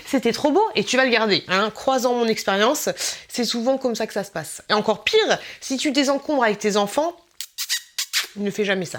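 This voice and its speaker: A young woman, chatting casually to camera as a vlogger, laughing often and using slang. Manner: chatty, laughing, slangy, mimics people with sudden high voices.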